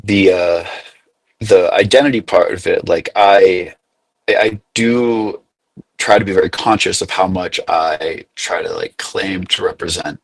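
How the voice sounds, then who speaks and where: A young man from the United States speaks in a low, slightly husky voice. He talks earnestly, restarting and refining his points as he reasons them through. The sound is dry, with no room around it. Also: measured pace, no echo, low-quality recording. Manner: earnest, thinking aloud with frequent self-corrections. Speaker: guest, graduate student activist. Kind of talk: casual interview talk.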